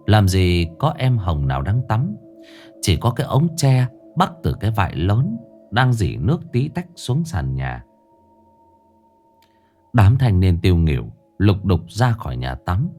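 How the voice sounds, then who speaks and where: A man narrating a ghost story in an expressive way. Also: fairly low pitch. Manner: lively, expressive. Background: faint music.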